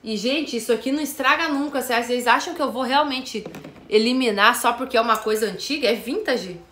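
A woman's voice: a little high, brisk, reverberant, background noise. A woman vlogger chatting casually to her viewers while sorting her small basement kitchen, full of friendly asides. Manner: chatty, frequent "gente" and "né" asides. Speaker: home organizing vlogger. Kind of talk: casual chat to camera.

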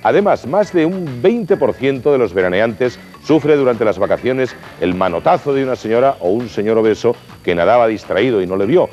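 Man, deadpan mock news delivery, lively pitch, muffled lo-fi. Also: moderate pace, faint music behind. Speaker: comedian. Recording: dull lo-fi TV audio.

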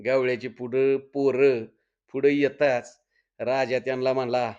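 A man narrating a story aloud in a deliberate storytelling manner. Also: mid-range voice, little pitch movement, darkish tone, clean tone, lo-fi sound. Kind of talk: dramatic story reading.

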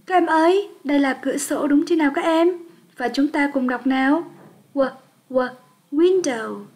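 A woman's voice: high-pitched, a little fast, a little mellow. A woman teaching an English lesson for young children, speaking patiently and leading repetition drills.

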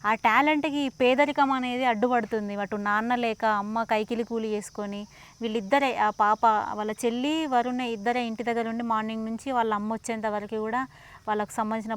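A woman who gently coaxes answers with short questions, then earnestly pleads with viewers to support the channel. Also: fairly high pitch, clear, resonant tone. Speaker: interviewer and channel presenter. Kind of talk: casual interview then appeal to viewers.

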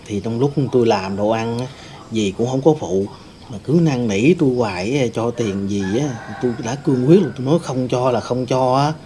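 A man plays the ghost of a young man who died wronged, speaking. His voice is mellow and even, full of fillers as he rambles on. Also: mid-range voice, normal speed, a little hiss or hum, natural voice. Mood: sorrowful. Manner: rambling storytelling, many fillers. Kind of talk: staged ghost-hunting role-play.

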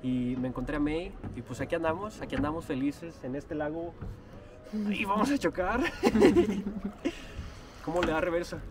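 A man's voice: on the high side, distant mic, heavy background noise. A young man in his twenties with a Mexican accent, chatting casually and slangily to camera while sitting in a rowboat on a lake. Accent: Mexican Spanish. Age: 20s. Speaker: vlogger. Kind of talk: casual vlog chat. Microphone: action camera at arm's length.

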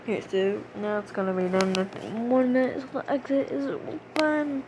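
This gaming channel host, a young woman, chats playfully as she plays, occasionally chanting in a sing-song manner. Her slightly high voice shows little pitch movement and moves at a moderate pace over background noise.

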